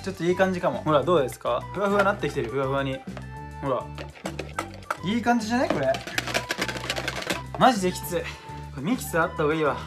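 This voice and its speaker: A young man, chatting excitably and casually while cooking at home for his vlog. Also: a little high, fast talker, pauses often. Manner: excitable, chatty, exclaims often. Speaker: vlogger. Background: background music.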